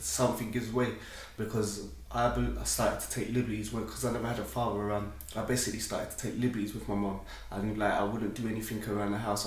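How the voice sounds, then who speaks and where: A man with a South London accent giving an informal personal testimony in a hesitant, repetitive, slangy way. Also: lowish voice. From South London, England. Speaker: speaker telling his conversion story. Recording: echoey room, distant microphone.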